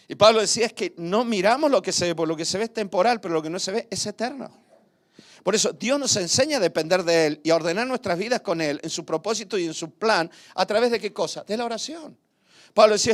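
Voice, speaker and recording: A man preaching a sermon in a slightly high voice. He talks to his listeners conversationally, firing off rhetorical questions and little tag questions. He moves easily between raised, emphatic points and soft asides. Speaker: pastor.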